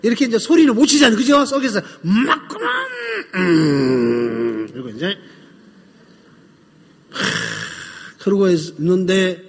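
Animated male storyteller in a hall. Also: high voice, breathy edge. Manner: animated, drawn-out, addressing listeners. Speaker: speaker. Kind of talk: storytelling talk to an audience.

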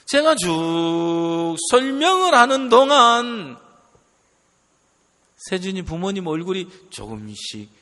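A man delivers a sermon as a story, his voice high and leaping up and down in pitch. He talks slowly and quotes the people in his story as he goes. The sound carries a long reverb, as in a large church. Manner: animated storytelling, quoting others, laughing at times. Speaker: pastor.

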